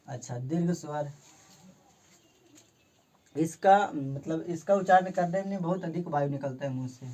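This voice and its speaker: A man teaching an informal grammar lesson. He points at the board as he explains and restates each definition slowly, several times over. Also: fairly high pitch, mellow.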